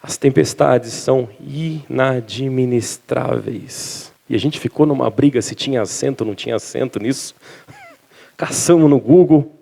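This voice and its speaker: Man preaching in a dark, gravelly voice. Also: mid-range voice, normal speed. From Minas Gerais, Brazil. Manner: lively storytelling with jokes to the congregation. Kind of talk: sermon. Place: church service.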